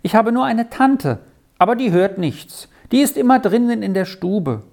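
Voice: expressive, moderate pace, creaky, a little mellow. A storyteller voicing a lonely, earnest little boy in a children's storybook, raising the voice to sound young and pleading. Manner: pleading, higher-pitched childlike voice. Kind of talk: storybook reading.

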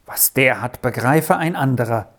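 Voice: mid-range voice, lively intonation, normal speed. A reader voicing an insistent, well-off lady traveler who scolds and commands in an audiobook story. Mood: annoyed. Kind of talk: audiobook reading.

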